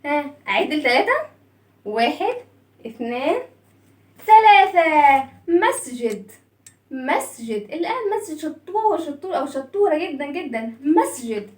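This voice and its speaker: High-voiced Egyptian woman teaching children. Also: big pitch swings, reverberant, far from the mic. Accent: Egyptian Arabic. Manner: drawn-out sounds, praises children often. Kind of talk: lively lesson for young children.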